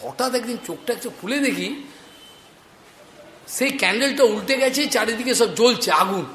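A man's voice: very high-pitched, moderate pace, a bit bright, a little hiss or hum. A man preaching a devotional sermon, telling stories with laughs as he goes. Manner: storytelling with laughs, retelling a conversation. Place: hall in a market. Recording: echoey hall with faint ambience.

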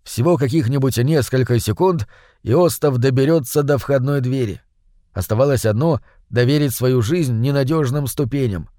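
A man narrating a fantasy audiobook in a steady, measured reading. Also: mid-range voice, dry recording, clean studio sound. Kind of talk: scripted narration.

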